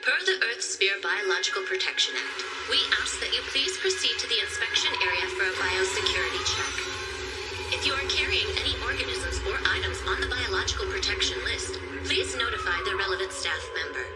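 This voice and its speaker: An actress voicing a formal spaceport announcer speaking over a public address system. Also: female voice, medium pitch, animated, over loud music. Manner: formal, measured. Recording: echoey PA from a distance.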